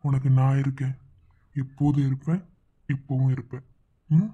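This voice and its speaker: A man's voice: medium pitch, level tone, normal speed, warm tone, slightly rough, lo-fi sound, faint music behind, natural voice. A man voicing a protective young fiancé in a cartoon, speaking with a Madurai Tamil accent, reassuring and affectionately teasing. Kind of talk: cartoon voice acting.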